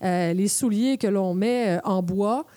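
Playful Québécoise woman with a mellow voice. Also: mid-range voice, unhurried, no room sound. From Quebec. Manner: playful, explains using spoken examples. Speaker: radio columnist. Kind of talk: explanatory radio chat.

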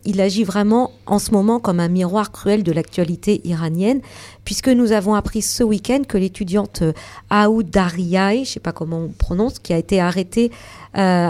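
A woman hosting a casual radio chat, calmly reading out a film recommendation with a little irony. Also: mid-range voice. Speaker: radio show host.

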